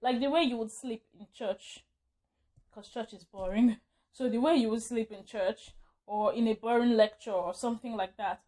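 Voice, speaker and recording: A woman's voice: fairly high pitch, moderate pace, dark tone. A woman telling a casual storytime vlog, rambling, correcting herself and laughing often. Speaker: vlogger.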